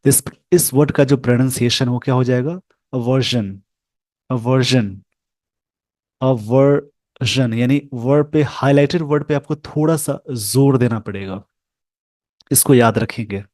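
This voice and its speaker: This male pronunciation teacher works through a screen share, going slowly and deliberately and repeating sounds so learners can follow. He has a mellow, mid-range voice, and the recording carries no echo.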